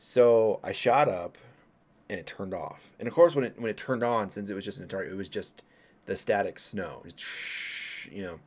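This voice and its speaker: A somewhat low, darkish voice at a normal speed belongs to a vlogger from Colorado, USA, in his late thirties. He tells ghost stories straight to camera in a casual, unscripted way, rambling, restarting sentences, and making asides to viewers.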